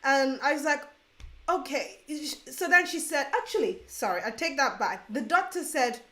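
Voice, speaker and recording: A woman with a somewhat high voice recounts a personal story on a vlog. She talks casually and acts out the lines of the people involved. Her voice echoes in the room. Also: normal speed. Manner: animated, quotes others. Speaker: vlog co-host.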